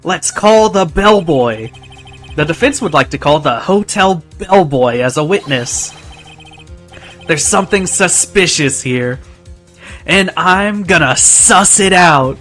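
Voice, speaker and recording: A man's voice: on the high side, lively intonation, slow, a bit bright. An earnest young defense lawyer pressing his case, prone to stammers , as a man voices him. Faint game music underneath.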